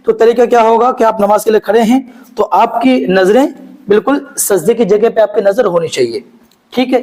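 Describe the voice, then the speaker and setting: A man teaching how to pray step by step, patient and repetitive, often pausing to check that the viewer understood. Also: high voice, darkish tone, poor audio. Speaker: Islamic prayer teacher. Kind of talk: step-by-step instructional demonstration.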